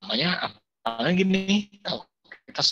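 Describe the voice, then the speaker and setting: A man's voice: high voice, expressive, measured pace, fairly bright tone. A man speaking in an online webinar, his video call audio glitching and cutting out. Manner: asks rhetorical questions and checks in with "Oke?". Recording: dull lo-fi call audio that keeps breaking up.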